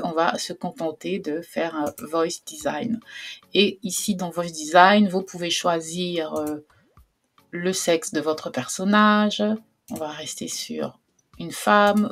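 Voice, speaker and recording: A woman hosting a casual screen tutorial, chatty and hesitant with many fillers. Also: fairly low pitch. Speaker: tutorial host.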